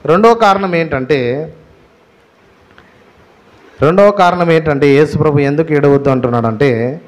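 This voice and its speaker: A man's voice: fairly high pitch, measured pace. A male pastor with a Telugu accent preaching a sermon, stressing his points with repeated phrases and rhetorical questions. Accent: Telugu, Andhra Pradesh.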